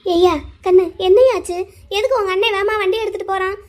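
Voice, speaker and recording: A fretful old cartoon grandmother, voiced by a woman, with a very high, shrill voice. She laments and exclaims over the family, protective and quick to scold. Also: darkish tone. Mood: worried. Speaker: grandmother called Aachi. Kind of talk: cartoon voice acting.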